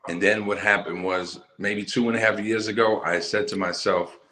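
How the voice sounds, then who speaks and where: A middle-aged man talking as an interview guest about his work, telling his story in an emphatic, animated way. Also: on the low side, moderate pace, roomy sound. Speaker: interview guest, musical poet. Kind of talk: casual conversational interview.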